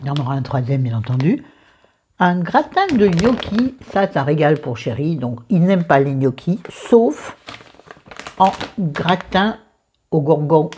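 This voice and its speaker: A woman's voice: deep voice, warm tone, slight background noise. A woman casually walking viewers through a recipe, chatty and digressive, with joking asides to herself. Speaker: cooking vlogger.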